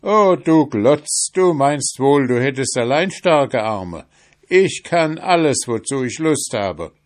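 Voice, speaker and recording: A man reading a fairy tale aloud, voicing a fearless, cocky young prince in a raised, brighter voice. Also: medium pitch, lively intonation, takes it slowly, pitched above the performer's own voice. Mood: boastful.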